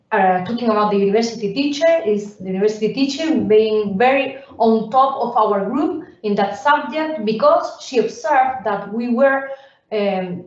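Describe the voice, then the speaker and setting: Female presenter, slightly high voice, hesitant delivery full of fillers, caught from a distance on a dull recording. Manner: halting, with many fillers and restarts. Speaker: presenter at a research workshop. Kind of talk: academic conference presentation. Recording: roomy, distant, dull sound.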